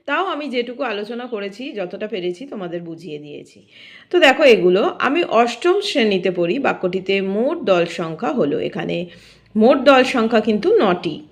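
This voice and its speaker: A young woman teaches grammar to schoolchildren. She works through each exercise step by step, patient and explanatory. Her voice sits at a middle pitch. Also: sing-song, normal speed. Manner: explains step by step, often saying "dekho".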